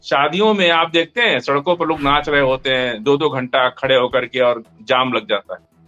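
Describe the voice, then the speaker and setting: A man's voice: mid-range voice, normal speed, bright, forceful tone, highs cut off, soft background music. A man in a heated political discussion, arguing emphatically and cutting in on the other speaker. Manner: argumentative, emphatic, interrupts. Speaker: debate panelist.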